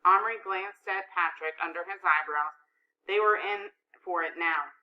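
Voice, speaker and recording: A woman narrating a children's novel in a steady, expressive reading voice. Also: fairly low pitch, measured pace, highs cut off. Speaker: audiobook narrator. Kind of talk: storybook narration.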